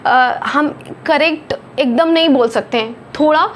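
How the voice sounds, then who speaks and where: Woman, Hindi phonics teacher, high voice, carefully drawn-out letter sounds. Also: slight background noise. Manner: slow, over-articulated letter sounds. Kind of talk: phonics lesson.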